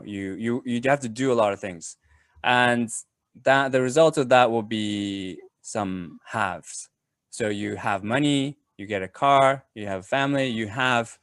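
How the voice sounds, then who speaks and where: A man giving a casual webinar talk on a video call, pausing often with fillers and restarts. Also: mid-range voice, no echo, studio quality. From Japan. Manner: hesitant, many fillers and restarts. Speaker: webinar presenter.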